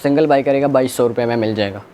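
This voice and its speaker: A man's voice: medium pitch, quick pace, warm tone. A man with a Pakistani accent working as a shop seller, listing stock and prices in a repetitive, unscripted sales presentation. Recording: clear background noise.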